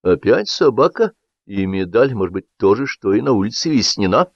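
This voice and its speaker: Guy doing a suspicious hospital resident, low-key, dull dry recording. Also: sing-song, moderate pace, no room sound. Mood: wary.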